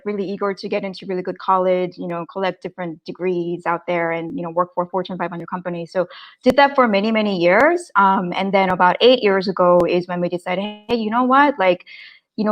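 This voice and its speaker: A woman in her thirties from Korea, answering interview questions in an upbeat, chatty way with lots of fillers and restarts. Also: fairly low pitch. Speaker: guest, startup co-founder.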